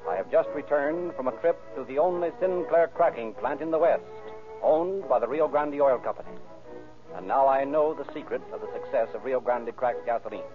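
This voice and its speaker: Over music, a man announces and narrates in the formal, theatrical, emphatic style of 1930s radio, at normal speed in a mid-range voice. The recording sounds tinny, like an old radio broadcast.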